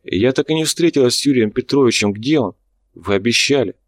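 A man's voice: mid-range voice, animated, a little fast, no room sound, clean studio sound, lightly acted. A man reading the lines of an anxious young woman who asks worried, pleading questions.

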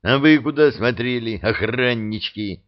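A man's voice: a little high, big pitch swings, measured pace, highs cut off, pitched above the performer's own voice. Man voicing brash young hero Alyosha. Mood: indignant. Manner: indignant, shouting bursts. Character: young brash adventurer hero, quick-tempered.

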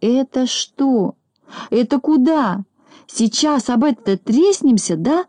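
A woman's voice: medium pitch, big pitch swings, brisk, mellow, dry recording, pitched above the performer's own voice, natural voice. A woman voicing a timid, greedy, plump little boy from a storybook who babbles in fright. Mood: frightened.

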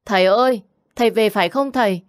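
A woman's voice: mid-range voice, moderate pace, darkish tone, no echo, studio quality, pitched above the performer's own voice, lightly acted. A woman voicing a scared little village girl calling out to her father. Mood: frightened.

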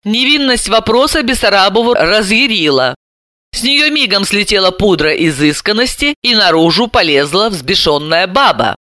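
A woman narrates a novel with animated, swinging intonation and a bright, forceful tone. Her delivery is dramatic and expressive. The recording is dry and close, with no room sound. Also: mid-range voice, moderate pace, dry recording. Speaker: audiobook narrator.

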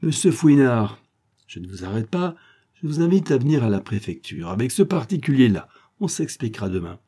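A man's voice: medium pitch, big pitch swings, normal speed, slightly rough. Man doing a blustering angry police chief. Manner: blustering, angry, shouting questions. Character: exasperated middle-aged male police chief. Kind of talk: audiobook character voice.

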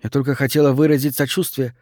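A man voicing a soft-spoken teenage girl. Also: mid-range voice, flat delivery, fast talker, no echo, studio quality, lightly acted. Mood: gentle. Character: gentle, earnest teenage schoolgirl.

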